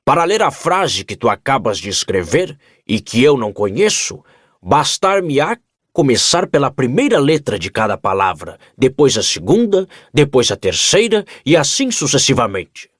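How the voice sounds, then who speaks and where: An excitable, absent-minded older professor voiced by a man for an audiobook, speaking in emphatic, animated bursts. The sound is dry and close. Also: mid-range voice, normal speed, dry recording, pitched above the performer's own voice. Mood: eager. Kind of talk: audiobook character voice.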